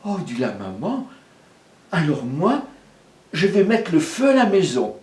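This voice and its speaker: A frantic, rash mother carries on in a raised, excited voice, as a male storyteller puts her on. The pitch swings widely, and the room is echoey with the mic set back. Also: unhurried. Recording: roomy echo, mic far off.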